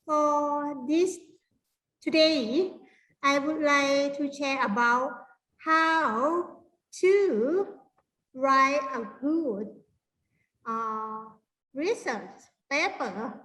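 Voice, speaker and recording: A middle-aged woman with a Thai accent, giving an informal online lecture in halting non-native English. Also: high-pitched, pushed and bright, rough recording. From Thailand. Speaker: university lecturer presenting a workshop.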